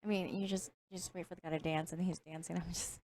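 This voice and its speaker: A woman's voice: lowish voice, fairly even intonation, quick pace, darkish tone, a little hiss or hum. A woman who is not a native English speaker, chatting casually as a pool match commentator and laughing at her own jokes.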